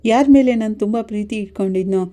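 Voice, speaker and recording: A bitter, scheming mother-in-law full of accusation and self-pity, put on by a woman reading a serial recap. The voice is dark and mellow, with no strong change from a plain reading. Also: mid-range voice, fast talker, lightly acted.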